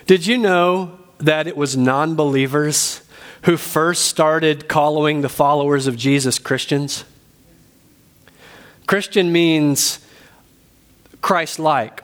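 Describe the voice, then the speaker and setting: A man's voice: fairly high pitch, fairly bright tone. A man preaching a sermon as a pastor, addressing his listeners directly and repeating key phrases for emphasis. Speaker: pastor teaching a congregation.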